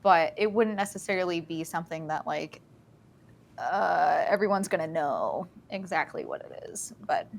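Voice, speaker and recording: A woman's voice: fairly low pitch, animated, moderate pace, creaky. Woman streamer just chatting, lots of likes and ums, telling a story. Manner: chatty, many fillers and restarts. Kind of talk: casual storytelling chat.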